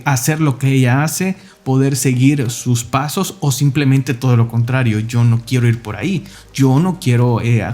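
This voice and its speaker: A man's voice: medium pitch, mellow. A man hosting a Bible podcast, explaining scripture earnestly step by step with rhetorical questions. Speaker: podcast host teaching the Bible. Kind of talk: reflective Bible teaching talk.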